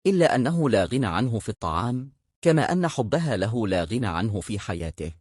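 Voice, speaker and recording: A man narrating a scripted fairy tale in an expressive, measured storytelling voice. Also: on the low side, no echo, clean studio sound.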